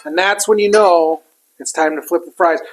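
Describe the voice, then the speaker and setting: Against background noise, a cook with a mid-range voice talks at a normal speed through a casual, chatty griddle demonstration, food sizzling and utensils clinking behind.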